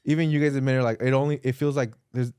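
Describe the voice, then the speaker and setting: A man's voice: mid-range voice, fairly even intonation, fast talker, darkish tone, clear, resonant tone, dry recording, studio quality. A man in a casual, opinionated podcast chat, earnestly arguing his point with slang and swearing. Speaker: podcast host.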